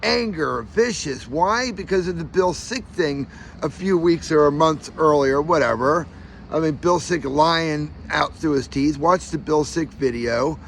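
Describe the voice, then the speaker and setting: A man's voice: fairly high pitch, measured pace, creaky, a little hiss or hum. A man telling his own story in an aggrieved, emphatic rant, his speech slightly slurred by missing front teeth. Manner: aggrieved, emphatic, acts out reported dialogue.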